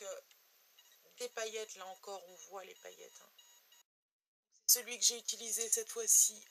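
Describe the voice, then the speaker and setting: Slow, bright-voiced French beauty vlogger. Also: female voice, mid-range voice, slight background noise, low-quality recording. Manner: slow, drawn-out, trails off quietly on repeated words. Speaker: beauty blogger. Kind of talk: makeup swatch review.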